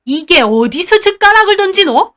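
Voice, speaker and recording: Woman voicing cranky old grandmother, Gyeongsang dialect, blunt, scolding, high voice. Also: very animated, unhurried, a bit bright. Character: harsh old grandmother who favors her grandson.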